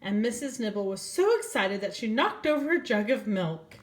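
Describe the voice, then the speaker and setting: Very animated in a mid-range voice, a grandmother reads a children's storybook to young kids. The older woman speaks slowly and directly to them, asking questions along the way.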